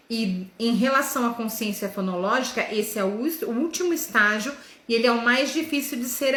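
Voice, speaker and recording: A woman gives a lesson to teachers in a bright, forceful voice pitched a little high. She keeps checking in with her listeners and slows down to sound out letters and syllables. The recording has a roomy echo. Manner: didactic, with frequent "né?" and "tá?" check-ins. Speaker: educator.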